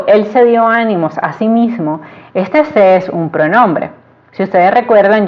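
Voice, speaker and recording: Woman from Latin America, teacher voice, mid-pitched, walks through examples carefully, slightly dull lo-fi recording. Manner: explains slowly with example sentences, stresses quoted phrases. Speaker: Spanish teacher. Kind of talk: grammar lesson. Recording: dull lo-fi sound.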